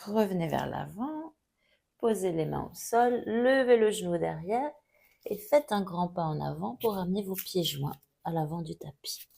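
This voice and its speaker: A woman teaching a yoga class, giving calm, gently guiding cues through each pose. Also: on the low side, normal speed, vocal fry. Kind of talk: guided yoga instruction.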